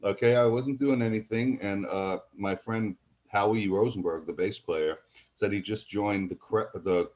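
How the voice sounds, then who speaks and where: Older New man with low voice. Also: measured pace, a little mellow. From College Point, New York. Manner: rambling anecdotes, acting out others' lines. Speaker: guest musician. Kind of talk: casual storytelling interview.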